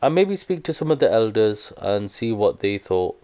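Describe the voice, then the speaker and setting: Guy doing a vlog, explains things earnestly, lots of uhs, deep clean voice. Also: big pitch swings, moderate pace, dark tone, dull audio. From Britain. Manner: earnest, explanatory, with hesitant fillers. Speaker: vlogger. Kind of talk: casual vlog commentary.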